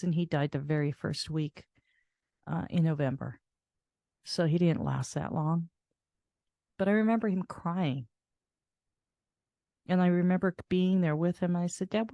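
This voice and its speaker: An older woman host telling a personal caregiving story in a soft, reflective way, restarting her sentences as she goes. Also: sits low, no echo. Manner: reflective, soft-spoken with frequent laughs and restarts.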